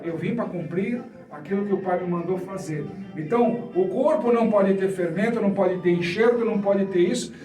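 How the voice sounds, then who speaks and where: Male Brazilian preacher, high voice, didactic sermon, faint music under it. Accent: Brazilian Portuguese. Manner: didactic, asks and answers own questions. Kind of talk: sermon teaching. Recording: echoey room, mic at a distance.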